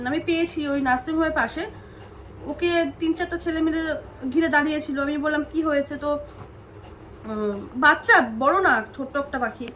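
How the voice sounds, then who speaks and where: Woman, high voice, home vlog, soft coaxing tone, hesitant, shaken and on the edge of tears. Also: lo-fi sound, slight background noise. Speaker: mother and vlogger.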